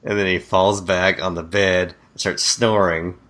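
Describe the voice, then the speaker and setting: A man's voice: sits low, little pitch movement, a little slow, fairly bright tone. A man co-hosting a podcast, chatting casually and animatedly, retelling scenes and quoting lines. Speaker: podcast co-host. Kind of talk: casual chat about bad movies.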